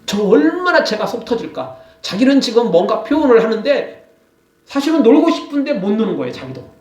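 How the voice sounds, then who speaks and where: A male pastor preaching a sermon, animated, acting out scolding quotes. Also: extremely high pitch, fairly quick, reverberant, far from the mic. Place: church.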